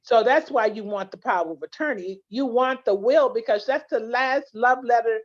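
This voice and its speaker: Speaking at a moderate pace in a slightly high voice, a woman guest from a legal plan tells sincere interview stories with many restarts. The recording sounds dull and lo-fi.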